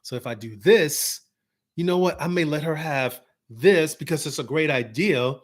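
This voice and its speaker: A man talks through marriage advice in an easygoing, motivational way. He acts out little snatches of dialogue and now and then drops into a calm, soft tone to show an example. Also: on the high side, normal speed. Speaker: host giving marriage advice. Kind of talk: casual motivational talk.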